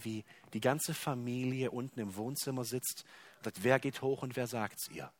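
A male preacher giving a sermon, telling a story and swinging between hushed and emphatic delivery. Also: medium pitch.

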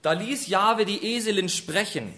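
A man preaching a sermon, retelling a scripture story in a lively, colloquial way. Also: high-pitched, moderate pace. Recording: echoey room.

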